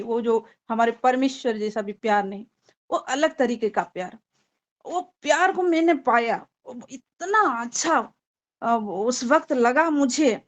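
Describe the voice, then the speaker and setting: A high-voiced woman gives a church testimony, speaking earnestly and gratefully with many small hesitations. She can build to excited emphasis when describing what moved her. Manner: earnest, thankful, often pausing with fillers; grows excited and loud when retelling a vision. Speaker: church member giving testimony. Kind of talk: heartfelt spoken testimony.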